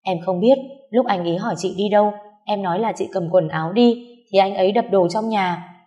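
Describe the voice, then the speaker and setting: A woman's voice: medium pitch, a little fast, dark tone, lightly acted. A woman voicing a panicked young sister-in-law calling with urgent news. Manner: urgent, flustered.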